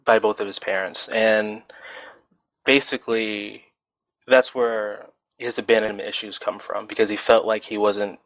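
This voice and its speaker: A man's voice: fairly low pitch, unhurried, no echo. A man in his twenties, a podcast guest, chatting casually and rambling with plenty of fillers. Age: 20s. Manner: relaxed, rambling, frequent fillers. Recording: dry, dull lo-fi voice chat audio.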